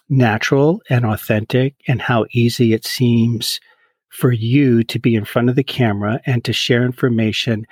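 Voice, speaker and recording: A man's voice: medium pitch, no room sound, clean studio sound. A man hosting an interview podcast, talking in a friendly, chatty way with some restarts. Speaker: podcast host. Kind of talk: casual interview chat.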